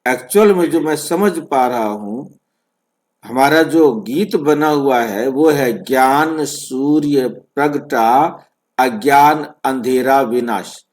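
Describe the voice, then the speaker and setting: A man explaining scripture slowly and deliberately as a spiritual teacher, repeating phrases for emphasis over an online call. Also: a little high, a little mellow. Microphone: online video call.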